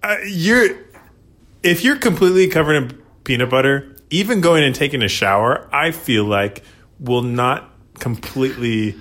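A man's voice: medium pitch, animated, normal speed, fairly bright tone. A man co-hosting a podcast in casual chat, hesitant and full of fillers, laughing now and then. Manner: hesitant, many fillers, laughs while talking. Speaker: podcast co-host.

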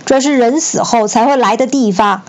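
A woman voicing a brash, furious male monkey king who shouts and scorns, in a storybook reading. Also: on the high side, brisk, muffled recording, lightly acted. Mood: puzzled.

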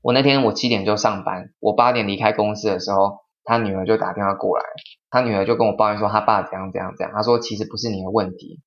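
A young man tells a story in casual podcast chat. His voice sits low, and he often restarts sentences and acts out quotes. The recording sounds slightly dull and lo-fi. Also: fast. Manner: animated, quoting people, frequent restarts. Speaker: podcast host.

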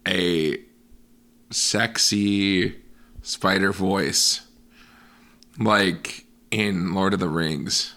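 A man co-hosting a podcast in casual chat, giggling often and jumping high in pitch when he laughs. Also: fairly even intonation, drawn-out words, pauses often, bright, forceful tone. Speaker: podcast co-host.

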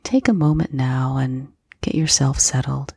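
A woman guiding a slow breath-counting meditation in a soft, gentle, breathy voice with unhurried pauses. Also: rumbling low, no room sound. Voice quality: soft, breathy, husky, often near whisper. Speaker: meditation guide.

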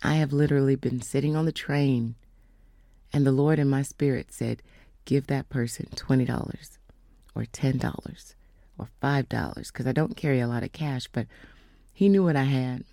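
A woman telling a faith testimony in a casual storytelling way, slowing down and dropping to whispers for emphasis. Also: extremely low pitch, mellow, no echo, studio quality. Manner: storytelling, acts out quoted voices; slows down for emphasis, drops to whispers. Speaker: speaker giving a testimony.

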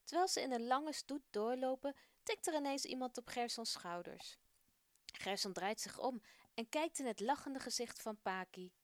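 A woman reads a children's storybook aloud, gentle and expressive, with a fairly high voice. The recording is close and dry. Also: moderate pace, dry recording. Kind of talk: storybook narration.

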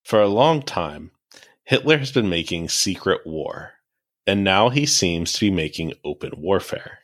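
Man, low voice, laid-back co-host, casual history chat. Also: expressive, measured pace, a bit bright. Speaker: podcast co-host.

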